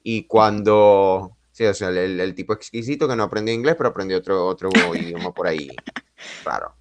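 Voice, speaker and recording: A Venezuelan man with a fairly low voice hosts a casual podcast conversation. He muses aloud, reflective and chatty, with touches of self-deprecating humor. The sound is close and dry, with no room around it. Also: a little fast, no echo. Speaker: podcast host. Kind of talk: casual interview chat.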